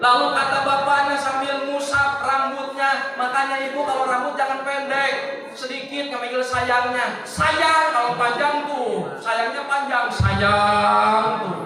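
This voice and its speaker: A young man with a Sundanese accent preaching a lively sermon, singing phrases and joking with the audience. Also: very high voice, a little slow, crowd noise. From West Java, Indonesia. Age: young adult. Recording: echoey hall from far off with music.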